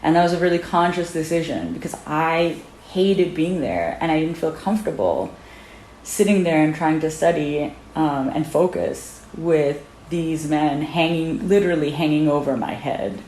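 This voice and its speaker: Low-voiced earnest woman from Sri Lanka. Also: lively intonation, normal speed, a little mellow, roomy sound, slight background noise, low-quality recording. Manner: earnest, personal and emphatic. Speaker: interviewee, doctor. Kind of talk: interview.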